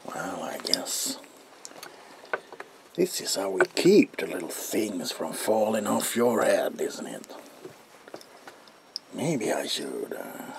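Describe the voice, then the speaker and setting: A man playing a manic, sinister comic-book villain as examiner in a whispered ASMR roleplay, with a gravelly, breathy voice and theatrical, unhinged delivery. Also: lowish voice, very animated, background noise, full character voice. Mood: muttering, sinister. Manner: theatrical, drawn-out words with unhinged swings.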